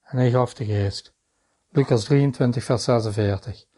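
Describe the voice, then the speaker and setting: A man's voice: medium pitch, moderate pace, mellow. A man preaching a sermon in an earnest manner, reading scripture passages aloud and naming their verses.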